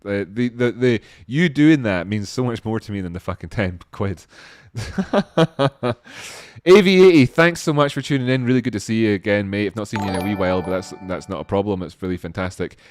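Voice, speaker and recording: A man's voice: lowish voice, fairly quick, darkish tone, no echo. A man hosting a live stream, casually thanking viewers by name in a rambling, self-deprecating way with many restarts.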